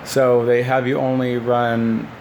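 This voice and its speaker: A former military recruit in his twenties rambles casually about boot camp to a phone at arm's length, sitting by a window in a small indoor living room. His medium-pitched voice is slow, monotone, and a little mellow, and the sound is lo-fi with a little hiss or hum.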